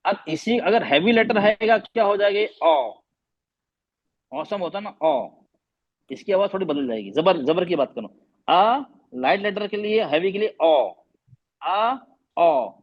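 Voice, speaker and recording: A man's voice: sits high, lively intonation, unhurried. A male teacher giving a lesson, repeating vowel sounds aloud and quizzing his students. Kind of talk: classroom lesson on Arabic vowels. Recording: dull lo-fi recording.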